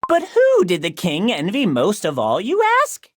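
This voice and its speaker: A woman's voice: lowish voice, huge pitch swings, a little slow, dry recording, clean studio sound, heavily acted. A woman playing a theatrical, boastful trickster jester cookie from a cartoon game, narrating in a flamboyant, singsong, mock-sincere way like a grand stage showman. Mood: mocking storytelling. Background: loud music.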